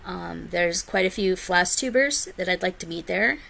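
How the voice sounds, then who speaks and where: Gravelly-voiced woman chatting casually on her vlog. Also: lowish voice, moderate pace, pushed and bright. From United States. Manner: rambling, frequent ums, tired. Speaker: flosstube vlogger. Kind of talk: casual chat to camera.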